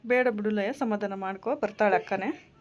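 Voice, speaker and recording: A young adult woman in a casual home vlog, talking in a gentle, coaxing and reassuring way as a mother soothing her child. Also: medium pitch, normal speed.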